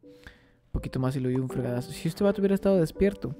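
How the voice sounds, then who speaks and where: A man's voice: a little high, expressive, fast, music in the background. A man with a Mexican accent casually commenting while playing a game, playful and rambling, often throwing questions to his viewers. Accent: Mexican Spanish. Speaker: gaming streamer.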